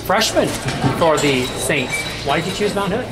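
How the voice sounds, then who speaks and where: A man's voice: on the high side, expressive, very noisy. Man hosting a sports press conference. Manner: friendly, scripted introductions with filler pauses. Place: tournament press conference room.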